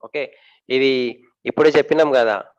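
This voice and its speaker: A man giving a talk about marriage to an audience. He asks questions and answers them himself, pausing often with fillers and repeating words. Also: medium pitch, fairly even intonation, muffled recording.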